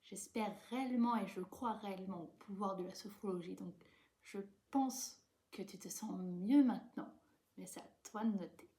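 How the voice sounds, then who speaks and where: A woman's voice: mid-range voice, moderate pace, warm tone, breathy edge. A woman working as a sophrology guide, giving informal spoken instructions straight to the listener.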